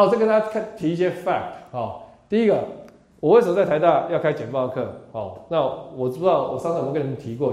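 A middle-aged man lectures a class at a quick clip, his tone mellow and dark. He keeps things chatty, tagging lines with little "哦" sounds and asking the room rhetorical questions. The sound is echoey, as in a lecture hall. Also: mid-range voice. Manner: chatty, peppers speech with "哦" tags and rhetorical questions; animated, acts out quoted remarks. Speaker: university lecturer.

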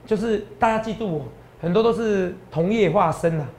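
A man with a Taiwanese Mandarin accent hosting a stock-tips show, animated and boastful, lecturing viewers like students. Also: high-pitched, normal speed, a little hiss or hum. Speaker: stock market analyst host.

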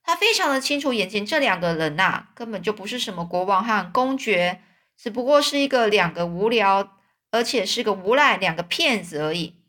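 A woman's voice: medium pitch, expressive, normal speed, fairly bright tone. A woman retelling a children's story, explaining words as she goes, with frequent restarts and fillers.

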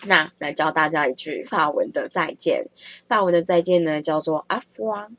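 A woman with a cold casually telling a funny story in a vlog. She is animated and laughs often. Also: deep voice, normal speed, no echo. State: has a cold. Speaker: vlogger.

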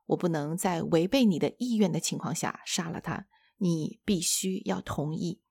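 A woman voicing a calm insistent angel. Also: lowish voice, normal speed, gravelly, husky, dry recording. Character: firm, patient angel.

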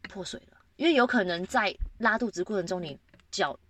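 A woman co-hosting a casual podcast chat, telling a lively story and acting out the quotes. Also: a little fast. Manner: lively storytelling, acts out quotes with big pitch jumps. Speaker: podcast co-host.

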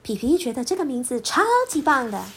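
A woman storyteller narrating a children's story. Her voice sits high and moves expressively through a wide range. The delivery is clear and lilting, with faint noise behind her. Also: expressive, a little fast, a bit bright.

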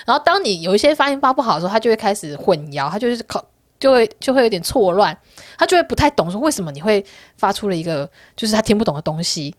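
A woman's voice: medium pitch, expressive, fast, no echo, clean studio sound. A woman vlogger chatting casually to her viewers, telling candid stories and laughing often. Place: Korea.

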